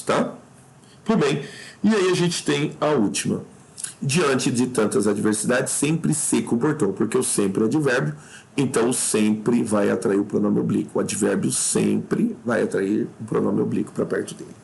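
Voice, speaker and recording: A man's voice: mid-range voice, unhurried, creaky, darkish tone. Male teacher, informal exam-review delivery, reads a question and then explains it. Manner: informal, reads questions aloud then comments, frequent "tá?" checks. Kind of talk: casual exam review lesson.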